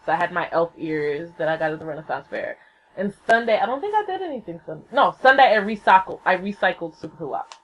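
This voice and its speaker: Excitable, swearing young woman podcaster. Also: fast talker. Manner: excitable, swears freely, acts out quotes with big pitch jumps. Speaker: podcast host. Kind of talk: casual solo podcast storytelling. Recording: slightly dull lo-fi laptop recording.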